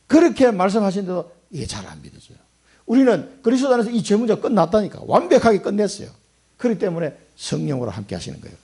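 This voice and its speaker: A man preaching a sermon in a gravelly, husky voice. His pitch sits a little high and swings widely, rising and falling with emphatic bursts. He speaks as a pastor in a church sanctuary. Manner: emphatic preaching with sudden rises and drops in pitch and loudness.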